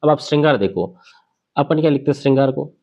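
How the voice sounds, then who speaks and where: A man teaching a grammar lesson at a board. He asks questions and answers them himself, and he repeats key words slowly. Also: a little high, mellow, highs cut off.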